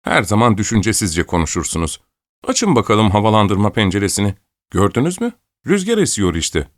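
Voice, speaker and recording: A man's voice: fairly low pitch, big pitch swings, fairly quick, no echo, clean studio sound. A man reading an audiobook, voicing an old, imperious countess who scolds and gives orders. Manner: scolding, commanding, querulous.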